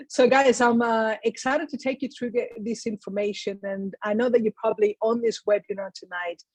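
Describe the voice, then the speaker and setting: A woman's voice: on the high side, a little mellow, no echo, low-quality recording. Upbeat chatty woman presenter, home video call, dry close sound. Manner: enthusiastic, chatty, laughs often. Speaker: webinar presenter. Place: home with a cat tree.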